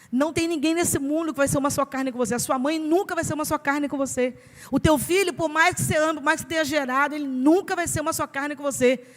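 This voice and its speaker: A Brazilian woman pastor preaching a sermon in an emphatic, conversational way, asking rhetorical questions. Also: high-pitched. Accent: Brazilian Portuguese. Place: church sanctuary. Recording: reverberant church hall.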